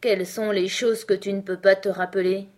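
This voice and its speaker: A woman's voice: mid-range voice, flat delivery, normal speed, a little mellow, natural voice. A woman voicing a languid, sleepy and curt female caterpillar in an audiobook, speaking sternly. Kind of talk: audiobook character reading.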